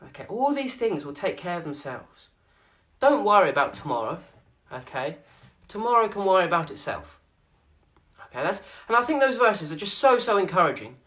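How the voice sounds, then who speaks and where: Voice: medium pitch, very animated, normal speed, a bit bright. A fitness instructor, out of breath after a workout, reading Bible verses and encouraging viewers in an earnest way. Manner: earnest, encouraging, peppers talk with "okay" and "guys".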